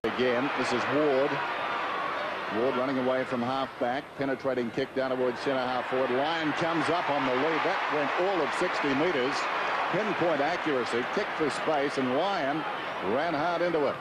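A man's voice: mid-range voice, normal speed. Australian man calling football over roaring crowd. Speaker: football commentator. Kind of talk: play-by-play sports commentary. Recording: loud crowd, noisy old TV broadcast.

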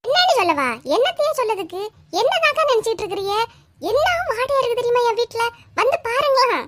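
Woman doing a shrill angry village wife. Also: lively intonation, fast, a bit bright. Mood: indignant. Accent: Kanyakumari Tamil. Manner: shrill, complaining, indignant. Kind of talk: cartoon story voice acting.

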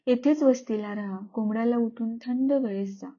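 A worried old village woman from a storybook, voiced by the woman reading the tale. She talks earnestly and urgently, in a fairly high voice. The recording is muffled and lo-fi. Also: moderate pace, warm tone, lightly acted. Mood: warning. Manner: earnest warning.

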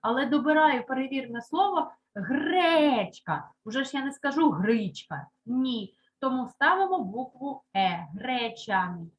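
A woman teaching a primary school language lesson, slowly stressing and repeating words for young children. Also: high-pitched, animated, dull audio. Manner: slow, emphatic, repeats words aloud for children. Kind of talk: Ukrainian lesson for third graders.

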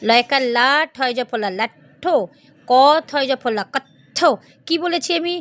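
Lady teacher, high voice, sounds out each letter slow n careful, dry recording. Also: expressive, fairly bright tone, no room sound, faint music behind. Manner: slow, deliberate sounding out of syllables. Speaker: reading teacher. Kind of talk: spelling-out reading lesson.

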